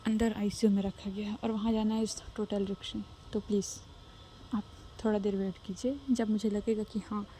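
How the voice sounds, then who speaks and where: A woman's voice: medium pitch, dark tone, slight background noise, lightly acted, low-quality recording. Woman voicing a cautious male doctor. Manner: polite, formal.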